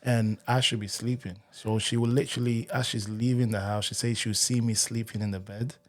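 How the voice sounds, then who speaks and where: A young man from Ghana, a guest on a podcast, telling stories from his life in a relaxed, easygoing way. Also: medium pitch, brisk. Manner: laid-back, storytelling, laughs often. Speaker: podcast guest, singer and worship leader. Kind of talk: casual interview chat.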